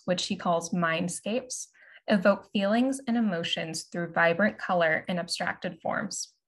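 A woman moderating a virtual panel, reading a prepared introduction aloud in a measured, formal way over a video call. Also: lowish voice. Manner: measured, formal presentation of a written script. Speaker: moderator and curatorial assistant. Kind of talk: prepared talk read aloud.

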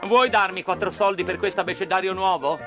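A man voicing a young wooden puppet boy, eager and high, turning to pleading when scared. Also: fairly even intonation, brisk, over music, lightly acted.

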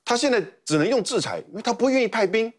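Husky, lively-voiced man arguing politics. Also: very high voice, fast. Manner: argumentative, emphatic repetition. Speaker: political commentator guest. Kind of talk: heated political commentary. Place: TV studio.

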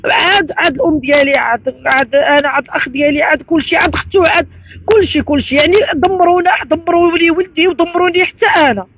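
A woman's voice: high voice, fast talker, a bit bright. Casting: Moroccan woman, distraught mother in tearful, angry crying, racing testimony, slightly dull outdoor sound. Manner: pleading, repeats phrases insistently. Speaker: interviewee, mother. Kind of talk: emotional street interview testimony. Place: outdoors at night in a city park. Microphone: handheld reporter microphone.

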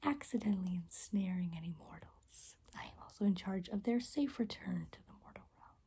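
A young woman in a whispered role-play as a caring rainbow fairy, speaking in a gentle, reassuring, breathy whisper. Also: mid-range voice, expressive, fairly quick. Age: young adult. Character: caring, soft-spoken rainbow fairy guide. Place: small room indoors.

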